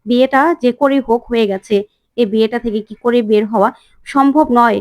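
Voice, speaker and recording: Casual, a woman playing a protective older sister, firm and scolding, high pitched. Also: fairly even intonation, a little fast, no room sound, studio quality, natural voice. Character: earnest young wife, protective older sister.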